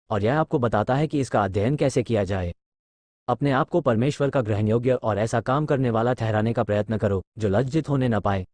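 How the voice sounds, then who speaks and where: A man's voice: medium pitch, darkish tone, no room sound. Middle-aged man, Bible teacher, lecture style, plain mid-range voice, close dry sound. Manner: instructive, explains words step by step.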